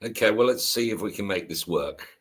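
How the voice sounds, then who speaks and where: An older man hosting an online history show, chatting in a relaxed way with fillers as he introduces his guest. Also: lowish voice, fairly quick, slightly rough. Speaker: show host. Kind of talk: hosting a video call interview.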